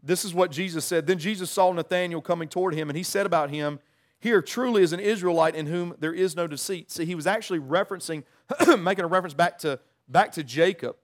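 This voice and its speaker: A man with a notably high-pitched voice delivers a conversational sermon. He speaks earnestly and informally, often doubling back on words and restarting sentences as he explains scripture. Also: quick pace. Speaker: preacher.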